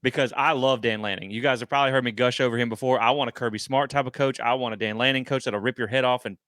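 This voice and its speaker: A man co-hosting a casual sports talk show, chatty and quick to tell a story. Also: mid-range voice, steady tone, fairly bright tone, no echo. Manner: chatty, storytelling, frequent agreeing. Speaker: podcast co-host.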